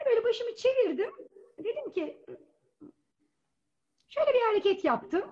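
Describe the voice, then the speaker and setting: A woman telling a personal story at a live storytelling event, animated and acting out the voices of people she quotes. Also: very high-pitched, moderate pace. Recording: dull lo-fi event recording.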